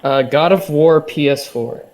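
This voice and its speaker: A young man appears as a podcast guest in a casual interview chat, talking hesitantly with plenty of fillers and eager restarts. His voice is fairly high and a little mellow, and he keeps a measured pace.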